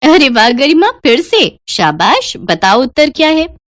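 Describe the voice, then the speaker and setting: A woman playing a kind, lively schoolteacher. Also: high voice, a little slow, no echo, clean studio sound. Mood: encouraging. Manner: encouraging, warm to pupils. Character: kind female school biology teacher. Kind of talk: cartoon voice acting.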